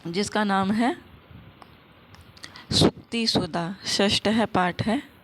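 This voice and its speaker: Woman teacher, asks herself questions then answers, mid pitch. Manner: explains by asking and answering her own questions; recites verses slowly and carefully. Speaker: Sanskrit teacher. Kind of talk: exam-prep lesson.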